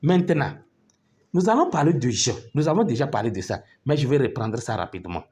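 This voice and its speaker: A man's voice: mid-range voice, expressive, a little fast, darkish tone. A male teacher giving a patient phonics lesson, spelling out letters and syllables one by one and often checking that his pupils are following.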